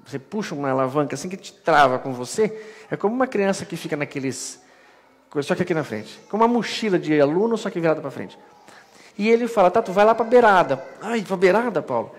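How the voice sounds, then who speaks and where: A Brazilian man giving a spiritist lecture as an animated story, acting out the dialogue. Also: on the high side. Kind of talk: storytelling sermon. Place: spiritist center hall. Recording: hall with long reverb.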